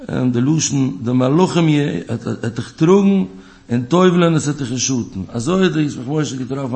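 Guy giving a religious lesson, emphatic, keeps repeating words, voice jumps up and down. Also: darkish tone. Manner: emphatic, repeats key words, pitch rises and drops sharply. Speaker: religious teacher. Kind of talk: spoken Torah talk.

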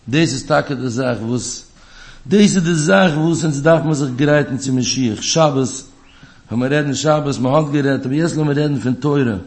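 A man giving a spoken religious lesson, emphatic, repeating his key words as his pitch rises and drops sharply. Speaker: religious teacher. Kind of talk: spoken Torah talk.

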